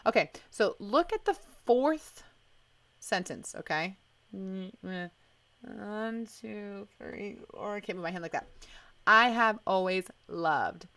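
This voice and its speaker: A woman teaching a live online English lesson, speaking slowly and encouragingly and mixing in Portuguese phrases as she explains. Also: medium pitch, lively intonation, a bit bright, no echo. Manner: encouraging, reads student questions aloud. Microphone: live stream mic.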